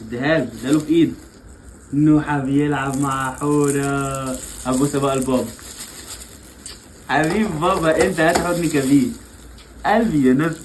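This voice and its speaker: A man's voice: on the high side, fast talker, pauses often, a little hiss or hum, low-quality recording. A young father with an Egyptian accent playfully coaxing his small children in a family vlog, laughing often. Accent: Egyptian Arabic. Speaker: father and vlogger.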